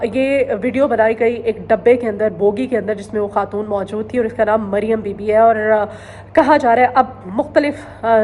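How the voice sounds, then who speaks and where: A woman from Pakistan giving earnest current-affairs news commentary, pausing often on hesitant fillers and repeating phrases for emphasis. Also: on the high side, a little mellow, a little hiss or hum.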